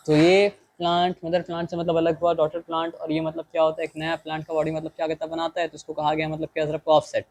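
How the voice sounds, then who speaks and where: A man teaching a biology lesson in Hindi mixed with English, often asking rhetorical questions and reading English lines slowly. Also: on the high side, completely flat delivery, darkish tone, rough recording.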